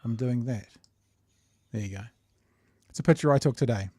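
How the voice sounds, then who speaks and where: This podcast host, a middle-aged man with a New Zealand accent, chats in a jokey, slangy, rambling way on a casual live show. He speaks at a normal speed in a mellow, mid-range voice, recorded without echo.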